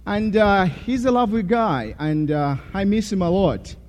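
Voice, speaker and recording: A young man from Zambia gives a testimony in a college chapel, his voice mellow and a little high for a man. He talks in a warm, self-deprecating way, pausing on "uh" as he goes. His words carry a long, echoing reverb from the hall. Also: lively intonation. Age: young adult. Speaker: student chapel speaker.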